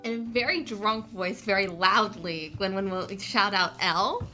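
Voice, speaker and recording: A woman's voice: medium pitch, unhurried, pushed and bright, faint music behind. A woman player in a tabletop game, describing her character's actions in the third person.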